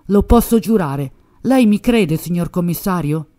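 A woman reading an audiobook, voicing a hot-headed young man who speaks loudly and urgently. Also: fairly low pitch, expressive, unhurried. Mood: pleading. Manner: raised, urgent delivery.

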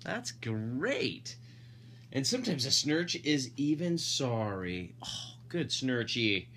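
Bright and pushed, a dad's medium-pitched voice swings broadly in pitch as he slowly reads a picture book aloud. He lingers on emphasized words and adds playful, casual asides, over slight background noise.

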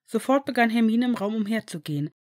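Woman reading fanfic aloud, steady even storytelling, audiobook style. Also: fairly high pitch, quick pace. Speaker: fan fiction reader. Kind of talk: audiobook narration.

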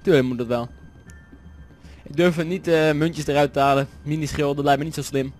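A man's voice: on the high side, fairly even intonation, normal speed, a little mellow, faint music behind. A man from the Netherlands with a Dutch accent, doing jokey let's-play commentary, chatty and swearing often. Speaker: gaming commentator.

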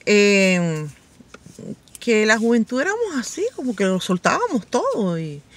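A middle-aged woman vlogger telling stories to camera in a chatty, animated way, laughing often and acting out quoted voices in a high pitch. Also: measured pace. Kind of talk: casual storytelling to camera.

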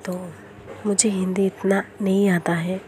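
Hoarse Bengali woman in halting speech. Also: medium pitch, flat delivery, heavy background noise. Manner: halting, searching for words, many restarts. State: has a cold, voice hoarse. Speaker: lifestyle vlogger. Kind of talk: casual vlog chat. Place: home kitchen.

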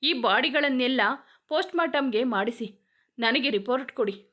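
A woman's voice: high voice, expressive, normal speed, fairly bright tone. A woman voicing a tough male police officer who interrogates suspects in a commanding, threatening way. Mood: stern.

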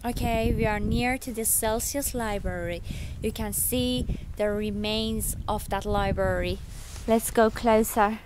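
A woman's voice: a little high, steady tone, measured pace, background noise. A woman in her thirties from Iran, not an English speaker, giving a chatty, curious walking tour of ancient ruins outdoors into a handheld camera. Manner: chatty, curious, nonnative phrasing. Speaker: travel vlogger. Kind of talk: walking travel vlog tour. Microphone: camera held at arm's length.

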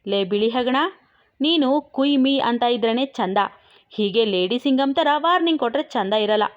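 A woman's voice: on the high side, expressive, moderate pace, close to an everyday voice. A woman voicing a brash, teasing young man in a romantic audio story, mocking and bantering. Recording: dull lo-fi recording.

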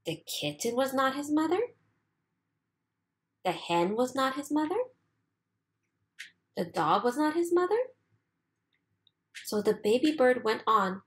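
A woman reading a children's storybook aloud expressively, with deliberate, sing-song emphasis. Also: high voice, sing-song. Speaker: storybook reader.

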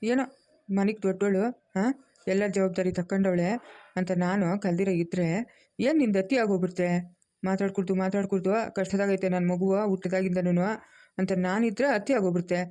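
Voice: mid-range voice, flat delivery, a little fast, warm tone, close to an everyday voice. A performer voicing a stern elderly grandfather in a cartoon family drama, scolding and commanding.

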